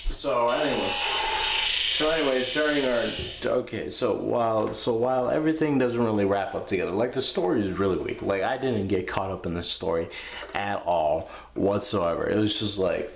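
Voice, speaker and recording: A man's voice: on the low side, normal speed, creaky. A man giving a casual, unscripted movie review, sounding drunk, crude and rambling as he loses his thread. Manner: crude, profane. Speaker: host of a movie review show. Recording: echoey room with background noise.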